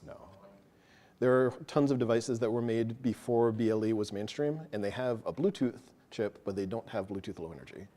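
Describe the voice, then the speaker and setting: A man presenting a technical talk to a live audience, quick and casual, joking about himself. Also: on the low side, warm tone, a little hiss or hum. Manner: fast, casual, self-deprecating. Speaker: meetup presenter. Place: meeting room with an audience.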